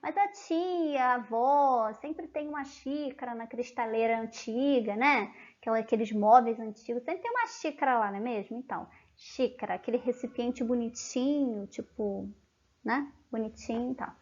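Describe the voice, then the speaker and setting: A woman's voice: on the high side, lively intonation, moderate pace, a little mellow, dull audio. A Brazilian woman giving an online language lesson in a chatty manner, often checking in with her students. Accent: Brazilian Portuguese. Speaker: language teacher.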